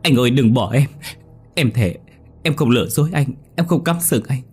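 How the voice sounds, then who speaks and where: A man reading a story aloud, voicing a distraught young wife who begs and pleads through tears in a husky voice. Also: on the low side, moderate pace, a little mellow, faint music behind. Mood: pleading, sobbing. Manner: begging, tearful, rising to cries.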